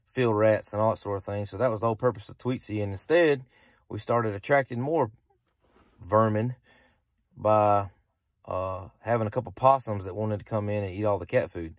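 Low-voiced man in a car. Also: no echo, studio quality. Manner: easygoing, rambling with restarts. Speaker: vlogger. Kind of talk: casual explanation to camera. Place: parked car at night. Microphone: phone camera held close.

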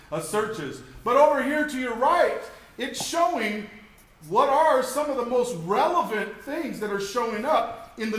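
A man in his forties delivering a lively seminar talk to a room of listeners, pressing each point with rhetorical questions. His voice sits high for a man and rings bright and forceful. He is picked up on a lapel mic in a hotel meeting room. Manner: energetic, emphatic, rhetorical questions. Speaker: keynote speaker.

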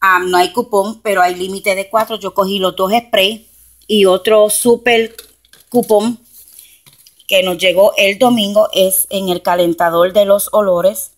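Standing beside a shelf of groceries in her home, a couponing vlogger from Camden, New Jersey, USA, talks casually through her haul. Her voice is medium-pitched, steady and unhurried as she breaks down prices step by step, captured indoors on a handheld phone camera.

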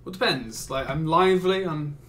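Reading viewer questions aloud, an English streamer and YouTuber from England tosses off wry, exasperated jokes in casual gaming commentary. He speaks fairly quickly in a slightly high, somewhat bright voice.

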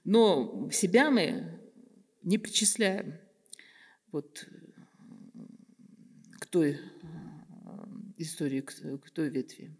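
An older guest artist from Kazakhstan speaks slowly and reflectively in a slightly low, breathy voice with lively intonation, pausing often and searching for words with many fillers. Seated at a table microphone on a stand in a bright room, she gives thoughtful interview talk, and noticeable room reverb colors her voice.

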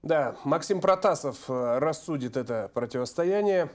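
A man's voice: fairly high pitch, animated, moderate pace. A man giving live MMA commentary as a sports broadcaster.

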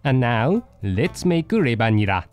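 Man playing a poodle cooking show host, unhurried, lively intonation, scripted recipe narration, patient step-by-step. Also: mid-range voice, clear, resonant tone, soft background music, low-quality recording. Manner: slow, deliberate step-by-step instructions.

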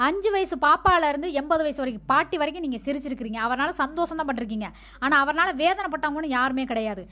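High-voiced woman pleading fast. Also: animated, sharp tone. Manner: earnest, pleading, scolding. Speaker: TikTok user defending a friend. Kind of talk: direct-to-camera appeal.

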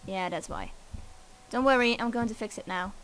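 A young woman chatting casually through a co-op video game, playful and excitable, with silly exclamations. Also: a little high, normal speed, a little hiss or hum, low-quality recording. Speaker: Let's Play gamer. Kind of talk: casual co-op gaming chat.

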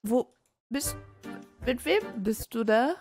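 Woman, high lively voice, dragging drunk delivery, giggly and weepy roleplay. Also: takes it slowly, faint music behind. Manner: slurred, giggly and tearful, playing drunk. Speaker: streamer playing a roleplay character.

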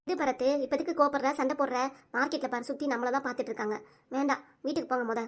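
A woman voicing a middle-aged aunt and mother in a cartoon, speaking with a Tirunelveli Tamil accent and nagging quickly. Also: high voice, fairly even intonation. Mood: pleading. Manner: pleading then scolding, rapid.

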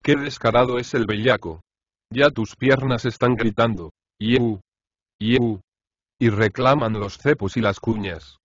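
A man voicing a gruff, complaining old male chorus leader in an audiobook of a comic play. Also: mid-range voice, a little slow, dry recording, dull audio, close to an everyday voice.

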